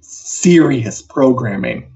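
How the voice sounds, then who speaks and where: This male co-host of an entertainment news live show talks about TV and games in a wry, offhand, opinionated way. He speaks slowly with a medium-pitched, animated voice that is gravelly yet mellow. The recording's high frequencies are cut off.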